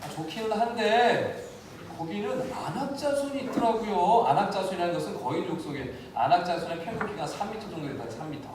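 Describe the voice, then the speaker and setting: A male pastor preaching an animated sermon, acting out the voices of the people and of God, recorded from a distance in a church. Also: high voice, a little fast, crowd noise. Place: church sanctuary. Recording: very echoey church hall, mic from a distance, faint noise.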